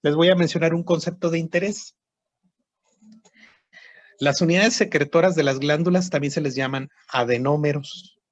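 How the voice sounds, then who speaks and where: A man's voice: a little high, steady tone, moderate pace, long pauses, no echo. A man teaching a histology class online, explaining step by step and checking in with students. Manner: explanatory, repeats terms, frequent "¿sí?" and "¿verdad?" checks.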